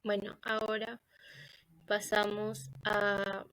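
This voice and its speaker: A woman with a Latin American Spanish accent talks through a class presentation at a middle pitch. She hesitates often, trips over words and starts them again. Her voice is recorded close and dry on a computer mic. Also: completely flat delivery, takes it slowly, fairly bright tone, dry recording, rough recording. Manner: hesitant, with fillers and self-corrections. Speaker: student presenter. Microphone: computer microphone.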